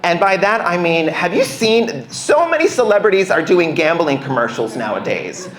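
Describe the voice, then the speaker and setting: Sing-song and a bit bright, this comedian's voice sits high and moves at a moderate pace. He's a young man from the United States doing a playful, self-deprecating, conversational stand-up set on a club stage, captured with roomy live club sound.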